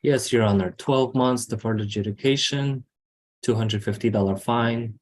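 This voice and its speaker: A man's voice: mid-range voice, moderate pace, a little mellow. An American man speaking formally in court as a prosecutor, stating case details and terms.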